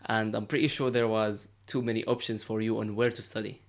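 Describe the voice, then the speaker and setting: A man's voice: fairly low pitch, level tone, fairly quick. Young man hosting a casual podcast. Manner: easygoing, chatty. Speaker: podcast host. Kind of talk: casual interview. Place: small room, indoors. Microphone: headset on a video call.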